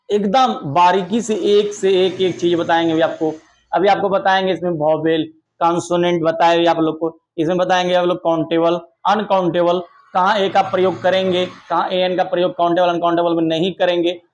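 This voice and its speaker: In an online lesson, a young man with a high-pitched voice teaches English grammar to children, coaxing them affectionately and loudly praising their answers. The audio has a lo-fi quality.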